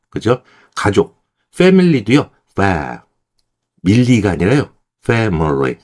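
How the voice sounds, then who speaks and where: Lively low-voiced Korean man teaching. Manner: demonstrates words slowly, then repeats them. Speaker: English pronunciation teacher. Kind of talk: explanatory lesson.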